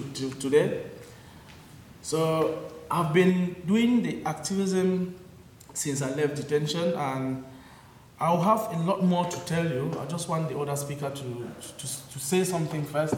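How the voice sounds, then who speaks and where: A man's voice: fairly high pitch, a little hiss or hum. A man giving earnest, plain personal testimony at a public meeting, often correcting himself mid-sentence. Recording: echoey hall from far off.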